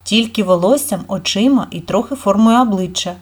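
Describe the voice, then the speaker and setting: A woman voicing a lively, curious female forest nymph in a read-aloud storybook, talking eagerly and effusively. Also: mid-range voice, normal speed, natural voice.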